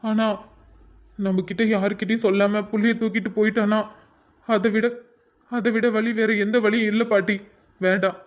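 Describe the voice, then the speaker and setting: A man's voice: high-pitched, close to an everyday voice. Fields: Figure: sorrowful young father voiced by a man. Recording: lo-fi. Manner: soft, pleading, emotional. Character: heartbroken young father, gentle and sad. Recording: dull lo-fi recording.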